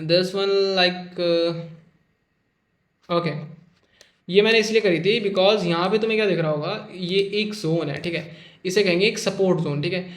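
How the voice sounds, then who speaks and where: High-voiced chatty man teaching trading. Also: reverberant. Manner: chatty, constantly checks in with "okay" and calls listeners "brother"; jokey, teasing about losing traders. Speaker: trading instructor. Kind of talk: casual screen-share chart lesson.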